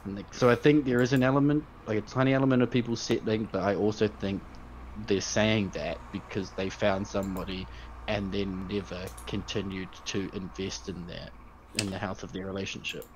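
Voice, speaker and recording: Low-voiced man, thoughtful podcast guest. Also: fairly even intonation, a little fast, background noise. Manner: thoughtful, explains his view at length. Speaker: podcast co-host. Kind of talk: casual podcast chat. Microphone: desktop mic on a voice call.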